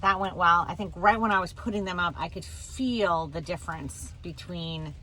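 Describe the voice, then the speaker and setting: A woman's voice: on the low side, normal speed, low-quality recording. A woman chatting casually for a travel vlog inside a camper van, repeating herself for emphasis. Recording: steady noise, vehicle ambience, hail outside. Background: vehicle ambience and hail.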